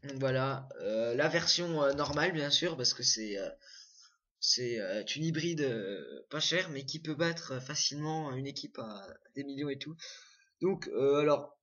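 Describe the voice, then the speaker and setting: A man's voice: mid-range voice, expressive, measured pace, fairly bright tone, muffled recording. A young man casually commenting on his own screen recording, full of fillers and self-corrections. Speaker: gaming video creator.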